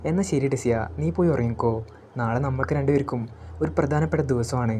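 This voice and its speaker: A calm, self-assured young mage in a storybook retelling, as a man reads his lines. His voice is mellow and soft, with a faint hum of background noise. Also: medium pitch, fast talker, close to an everyday voice.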